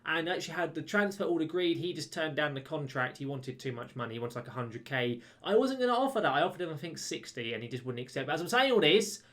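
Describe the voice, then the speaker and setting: A man giving casual, chatty commentary over a football management game, getting excited when goals go in. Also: a little high, quick pace, few pauses. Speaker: gaming YouTuber. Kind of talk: let's-play commentary.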